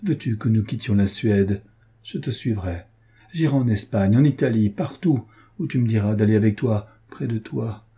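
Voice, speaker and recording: A man voicing a jealous, passionate noblewoman in an audiobook reading, raising his pitch as she pleads and rages. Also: normal speed, warm tone, husky. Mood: pleading. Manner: pleading then bitter, vengeful. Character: jealous, passionate noblewoman scorned by her lover.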